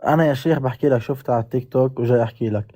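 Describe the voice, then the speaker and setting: A man's voice: medium pitch, very fast, warm tone, dry recording, studio quality. A man calling into a live debate, insisting on finishing his question.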